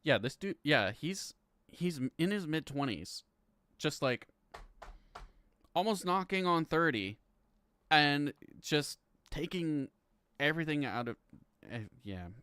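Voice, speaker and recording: A man's voice: on the high side, expressive, slow, pauses often, fairly bright tone, clean tone, no room sound. A man in his thirties chatting casually on a live stream, rambling and swearing, laughing between lines and stumbling as he reads legal text aloud. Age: 30s. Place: home room.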